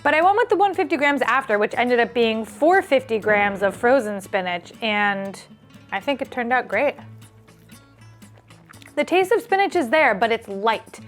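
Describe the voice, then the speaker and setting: A woman hosting a casual cooking vlog, chatty and upbeat, thinking aloud as she cooks. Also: fairly high pitch. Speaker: cooking video host.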